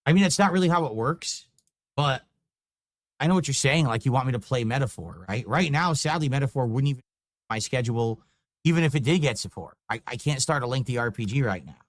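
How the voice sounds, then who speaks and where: A young man streaming live, chatting casually and getting frustrated and swearing while fixing his stream software. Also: medium pitch, animated, brisk, dry recording, clean studio sound. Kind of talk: casual livestream chat.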